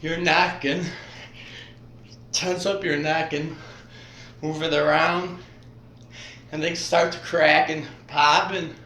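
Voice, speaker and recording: A man with a bright, slightly high voice rambles through an exercise demonstration in short, halting phrases. He is audibly out of breath as he moves. The room echoes around him, with a faint hiss underneath. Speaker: vlogger. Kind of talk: casual exercise demonstration vlog. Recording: roomy echo, faint background hiss.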